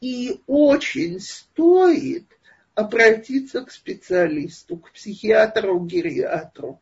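A woman's voice: on the high side, animated, slow, vocal fry, darkish tone, breathy edge, highs cut off. A woman giving an online lecture and answering questions in a thoughtful, hesitant way, recorded over a video call.

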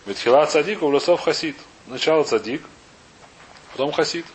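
A man leading an informal religious text class, reading aloud and then explaining, often halting to search for words and asking himself questions. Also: fairly high pitch, poor audio. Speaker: teacher of a Talmud class. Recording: clear background hiss and noise.

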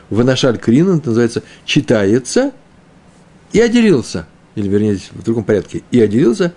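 A man teaching a Talmud lesson, explaining the text aloud, often repeating himself and slowing down on Hebrew terms. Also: mid-range voice, mellow.

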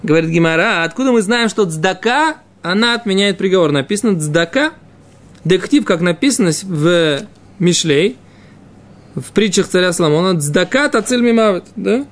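High-pitched man teaching a religious text. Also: animated, moderate pace. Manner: explains in fragments, often adds checking questions. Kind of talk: informal Talmud lesson, reading and explaining.

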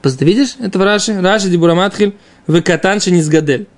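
A high-voiced man talks fast while leading an informal Talmud lesson. As the teacher, he works through the religious text by raising questions and answering them himself.

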